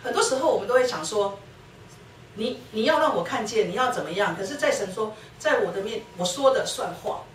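A woman's voice: on the high side, animated, a little fast. A middle-aged woman gives a personal testimony talk at a church lecture. She tells her story and acts out the dialogue she quotes. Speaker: guest speaker sharing her testimony with her husband. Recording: roomy hall, distant mic, faint noise.

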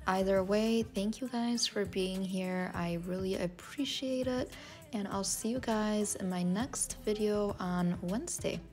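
A woman's voice: mid-range voice, measured pace, a little mellow, faint music behind. A woman vlogger chatting casually to her viewers in a voice-over about cleaning her home, often calling them "you guys".

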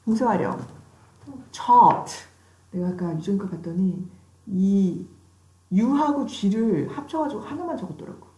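A woman's voice: mid-range voice, expressive, slow pace, pauses often, dark tone. A woman teaching an English vocabulary class, drilling pronunciation with call-and-repeat cues and teasing her students with playful questions. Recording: echoey classroom.

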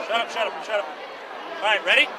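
A man's voice: sits high, fast, far from the mic. A man hosting a live red carpet pre-show, interviewing in an announcer style. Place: indoors at a curtained red carpet backdrop. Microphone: handheld mic. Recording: noisy crowd, live event sound.

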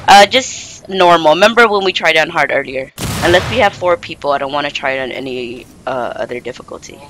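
A man's voice: fairly high pitch, lively intonation, fairly quick, noisy background. A man streaming a co-op game, chatting casually and explaining settings to a friend. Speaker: gamer streaming co-op play. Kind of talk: casual gaming chat.

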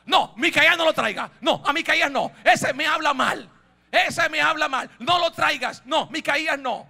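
A preacher acting as a stubborn, shouting king. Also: very high voice, moderate pace, gravelly, pitched above the performer's own voice, exaggerated voice. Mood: refusing. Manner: shouting, insistent, repeats himself. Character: proud, stubborn ancient male king.

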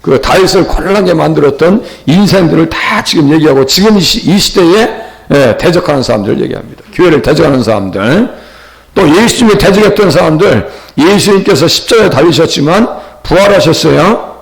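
Lively Korean pastor with Chungcheong accent. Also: male voice, on the high side, brisk, vocal fry. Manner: conversational preaching with rhetorical questions. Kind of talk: sermon.

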